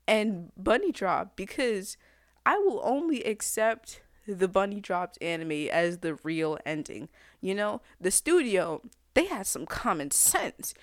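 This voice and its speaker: A woman in the middle of an animated rant, sassy and exasperated, her voice jumping into loud outbursts. She talks slowly and deliberately, leaning on each point. The sound is dry and close, with no room echo. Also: mid-range voice. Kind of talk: animated anime rant to camera.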